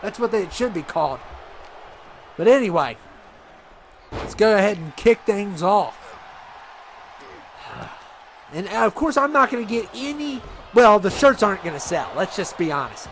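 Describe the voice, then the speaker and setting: A man's voice: high voice, lively intonation, moderate pace, fairly bright tone, a little hiss or hum. A man commentating a video game wrestling show, ranting with mock outrage and repeating himself.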